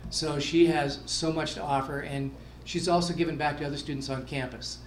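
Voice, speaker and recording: In an echoey room with faint ambience and a little hiss or hum, a man introduces a student's award at a school event. He's a school district official, enthusiastic and proud. His voice is a little high, with a steady tone and a brisk pace.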